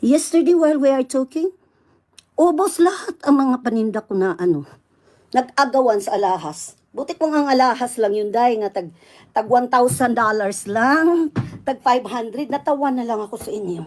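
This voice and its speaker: Galit na Bisayang babae, mataas boses. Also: female voice, a little high, animated, normal speed. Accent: Visayan. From Visayas, Philippines. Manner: loud indignant ranting, mixing English in. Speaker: online seller livestreaming. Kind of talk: angry livestream rant.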